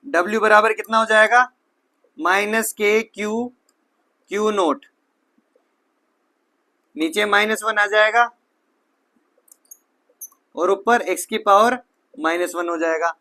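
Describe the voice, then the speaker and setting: Man, high-pitched, physics lecture, rhetorical questions, self-corrections. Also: takes it slowly, pauses often, pushed and bright. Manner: talks students through steps with frequent rhetorical questions; repeats himself, self-corrects mid-sentence. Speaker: physics teacher.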